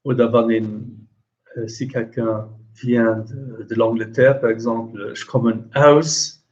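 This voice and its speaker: Slow, hesitant male teacher. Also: on the low side, warm tone. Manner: slow, hesitant, many fillers; repeats example phrases slowly. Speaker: language teacher. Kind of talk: spoken language lesson. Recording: dull lo-fi recording.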